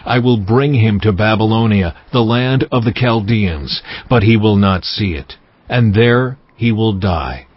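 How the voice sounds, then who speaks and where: An actor playing a solemn, commanding God who pronounces judgment gravely and deliberately in a dramatized audio Bible. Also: male voice, fairly low pitch. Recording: muffled sound with music behind. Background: cinematic music.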